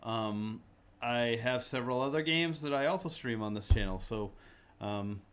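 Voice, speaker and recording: This is a man running a tabletop game stream, closing out the night as game master. His voice sits at an ordinary middle pitch, and he talks in a loose, unhurried way, filling his pauses with lots of ums. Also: slight background noise. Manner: relaxed, hesitant, many ums.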